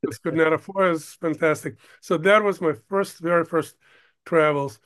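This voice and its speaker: An older man from Ukraine, a producer, talking as an interview guest in a halting way, stopping often to search for words. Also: fairly high pitch, fairly even intonation, a bit bright. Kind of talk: casual interview talk.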